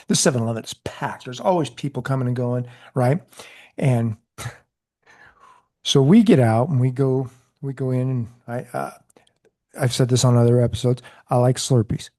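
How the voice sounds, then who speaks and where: A man, a former police sergeant, co-hosting a casual chat and telling a story with laughter and loud quoted shouts. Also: mid-range voice.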